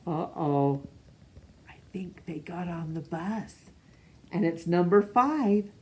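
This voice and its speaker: Her voice is on the low side and a little mellow as she reads a picture book aloud to small children. She tells the story expressively, pausing to ask questions.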